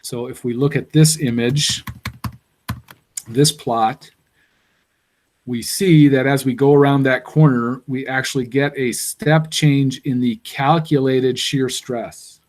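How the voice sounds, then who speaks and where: A man's voice: mid-range voice, steady tone, takes it slowly, darkish tone. A man giving a university engineering lecture, explaining step by step and thinking aloud with fillers.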